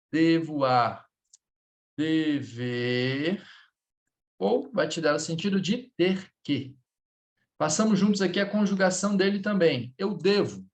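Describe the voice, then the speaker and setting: A Brazilian man teaching French in a live lesson, speaking Portuguese with a Brazilian accent, patiently repeating words and checking in with his students. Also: fairly high pitch.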